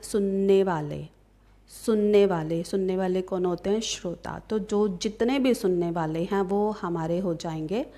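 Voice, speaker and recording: A young woman gives a grammar lesson at an unhurried, measured pace. She explains each point patiently and reads the example sentences slowly and clearly, checking often that the listener has followed. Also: medium pitch, darkish tone. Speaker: teacher.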